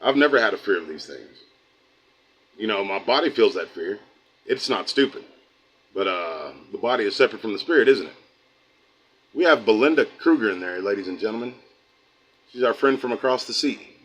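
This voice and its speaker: With a lowish, animated voice that's brisk yet broken by long pauses, this middle-aged American livestream host sounds a bit bright with a breathy edge. The audio is poor as he reads chat and rambles folksily, drifting into preaching.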